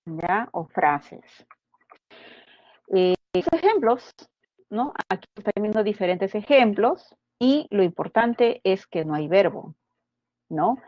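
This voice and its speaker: Slow, patient woman teaching grammar. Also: mid-range voice, lively intonation, dry recording, highs cut off. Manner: explanatory, constant tag questions. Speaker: language teacher. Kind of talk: pre-university grammar lecture.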